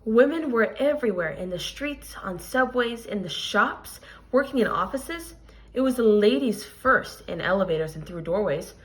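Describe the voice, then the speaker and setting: A mid-range female voice reads a children's picture book in a teacher's manner, deliberate and expressive, highlighting key words and offering explanatory comments. The audio quality is poor.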